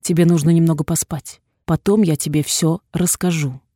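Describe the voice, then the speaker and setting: A woman's voice: low-pitched, fairly even intonation, moderate pace, dark tone, dry recording, clean studio sound. A woman playing a cold, commanding male doctor. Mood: cold, curt. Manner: cold, curt.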